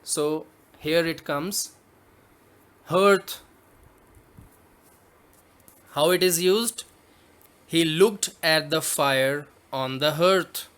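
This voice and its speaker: A male teacher from Punjab in India, explaining a poem to students in a slow, deliberate classroom manner. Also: a little high, fairly bright tone, clean tone.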